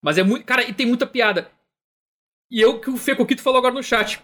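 A man with a Brazilian Portuguese accent, co-hosting a live-streamed chat show in an animated, rambling, joking way, full of slang. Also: extremely high pitch, fast. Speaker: podcast co-host.

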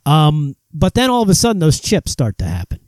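A man hosting a political commentary monologue, mocking and animated, often stumbling and restarting his sentences. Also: on the high side, brisk, no room sound. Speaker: host.

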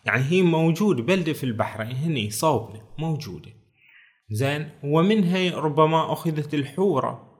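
A man with a Bahraini Arabic accent talking casually through a book, reading verses slowly and adding joking asides. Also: fairly high pitch, expressive. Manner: chatty, quotes verses slowly, jokes aside. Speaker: book reviewer. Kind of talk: casual spoken book talk.

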